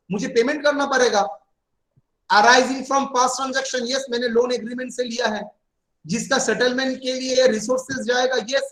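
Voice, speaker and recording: High-voiced man teaching in an echoey room. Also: a bit bright. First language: Bengali. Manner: repeats definitions slowly, calls students "beta". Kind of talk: classroom accounting lesson.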